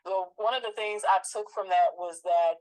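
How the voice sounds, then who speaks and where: A woman in her forties talking in a relaxed, reflective way about her own experience, with frequent fillers and restarts. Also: medium pitch, moderate pace, poor audio. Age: 40s. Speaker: co-host. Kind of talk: casual conversation.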